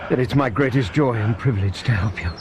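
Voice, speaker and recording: An actor playing a devoted English gentleman doctor in a radio drama, gentle and earnest. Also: medium pitch, fast talker, noisy background, natural voice. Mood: tender concern.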